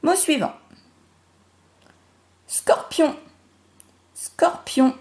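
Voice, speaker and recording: A woman teacher giving a remote phonics lesson to young children, slowly spelling out syllables and sounds. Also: high voice, a little mellow. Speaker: primary school teacher.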